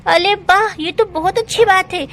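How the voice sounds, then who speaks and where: A woman's voice: extremely high pitch, moderate pace, a little hiss or hum. A woman doing a chirpy, eager little village girl. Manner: excited, chatty.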